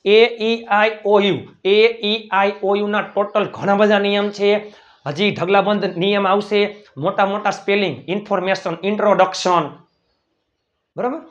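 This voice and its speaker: A man's voice: sits high, steady tone, unhurried, lo-fi sound. A man teaching a beginners' English lesson, spelling words letter by letter, repeating each word and often checking "right?".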